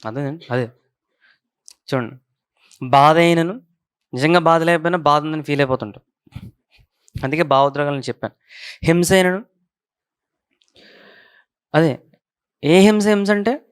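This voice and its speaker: A man's voice: on the high side, normal speed, pauses often, clean tone, no echo, studio quality. A male pastor gives a conversational sermon, repeating his key points and often asking whether listeners follow.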